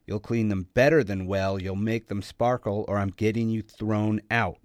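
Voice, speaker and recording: A man's voice: on the low side, fairly even intonation, moderate pace, no room sound, studio quality, natural voice. A man voicing a menacing male bully who snarls threats, then shrieks for help.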